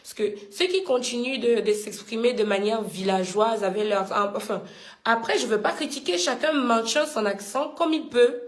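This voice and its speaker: A woman's voice: on the high side, moderate pace, echoey room. A woman with a Cameroonian accent ranting in heated commentary, indignant and combative, often repeating herself. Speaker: vlogger.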